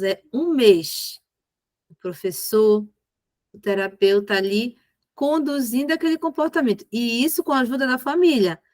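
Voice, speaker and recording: A woman's voice: fairly high pitch, no room sound. Woman mentor explaining patiently. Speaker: ABA mentor.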